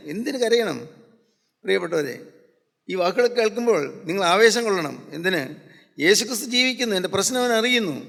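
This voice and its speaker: A man's voice: high-pitched, fairly bright tone. A man preaching a gospel sermon in a fervent, repetitive style. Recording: long hall reverb.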